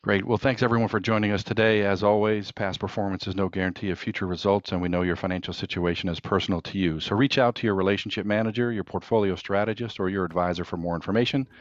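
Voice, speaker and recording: Male financial podcast host, very low and fast, businesslike, dry dull recording. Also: steady tone, dry recording. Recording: dry, slightly dull audio.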